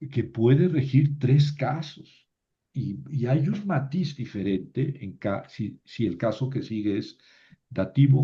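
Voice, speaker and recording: Dark-voiced man teaching Greek grammar. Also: mid-range voice, highs cut off. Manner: patient, explaining step by step, often asks "¿verdad?". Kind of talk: online class lecture.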